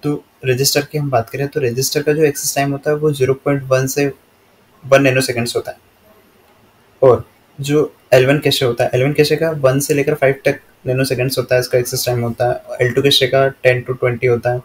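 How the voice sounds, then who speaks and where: An Indian man teaches from slides in a plain, even voice that hardly rises or falls. He reads each English line slowly, then explains it at a steady classroom pace. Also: medium pitch, a little hiss or hum.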